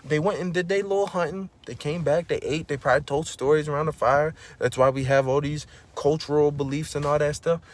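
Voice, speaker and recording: Preaching motivation in a casual vlog, this man leans on slang like "bro" and "you know what I'm saying," rising loud and high when fired up. His tone stays steady, and he talks briskly with hardly any pauses.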